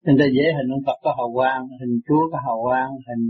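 A man giving an informal Buddhist teaching in a blunt, repetitive, scolding manner, with a husky voice. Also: mid-range voice, fairly even intonation, quick pace, narrow, tinny audio. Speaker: spiritual teacher.

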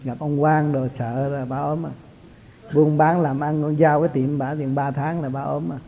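A man's voice: on the high side, level tone, moderate pace, dark tone. A man, a spiritual teacher giving an informal, chatty talk to his followers and chuckling often. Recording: tinny lo-fi recording.

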